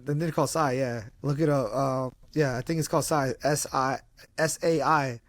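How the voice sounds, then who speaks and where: A man co-hosting a casual fan podcast, talking fast and excited in slang, often restarting his sentences. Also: medium pitch, no room sound. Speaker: podcast co-host.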